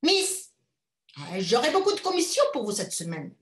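A woman voicing a shrill, domineering wealthy mother who scolds loudly in a high voice. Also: big pitch swings, normal speed, reverberant. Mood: scolding. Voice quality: loud, high-pitched, scolding.

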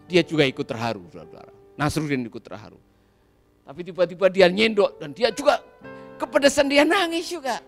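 High-pitched preacher man telling stories. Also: brisk, vocal fry, faint music behind. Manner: lively storyteller, acts out quoted voices, asks "ya kan?". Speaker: pastor. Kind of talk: sermon with told stories.

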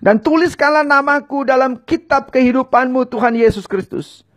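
A man's voice: extremely high pitch, moderate pace, a bit bright. A man preaching and leading viewers in a fervent prayer, giving short lines for them to repeat. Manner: speaks in tongues.

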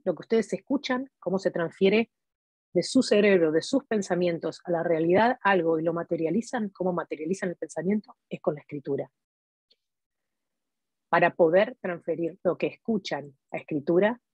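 A woman's voice: fairly low pitch, darkish tone, breathy edge, no echo. A woman tutoring for a language exam, explaining step by step and checking in with her listeners. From Argentina. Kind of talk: explanatory teaching talk to viewers.

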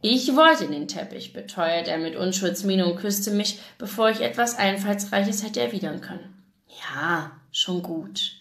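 A German woman reads a romance novel aloud live in an echoey room, delivering the first-person narration expressively and acting out the dialogue. Her voice is medium in pitch and her speed normal.

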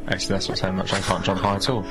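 A British man with a fairly low voice chats casually as a co-host over a video game. Faint music plays behind him. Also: completely flat delivery, rapid-fire. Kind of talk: casual chat over gameplay.

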